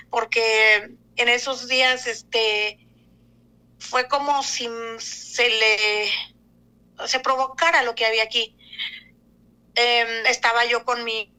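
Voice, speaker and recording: A woman giving an emotional personal testimony, talking haltingly with many fillers and restarts. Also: a little high, sharp tone, poor audio. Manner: fearful, emotional retelling.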